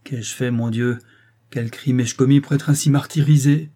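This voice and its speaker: A man's voice: mid-range voice, steady tone, normal speed, mellow, husky, close to an everyday voice. A man voicing a stern, wounded husband who argues with severe emphasis.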